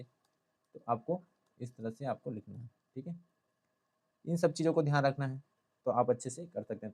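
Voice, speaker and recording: A man's voice: mid-range voice, darkish tone. A man teaching a Hindi spelling lesson, explaining step by step and checking in often with his students. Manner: explanatory, repeats "theek hai" often. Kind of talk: classroom-style lesson.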